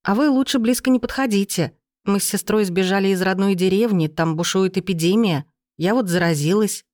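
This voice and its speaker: An audiobook reader voicing a quick-witted young woman heroine who talks in a high, urgent, pleading voice, recorded dry. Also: a little mellow, dry recording, close to an everyday voice.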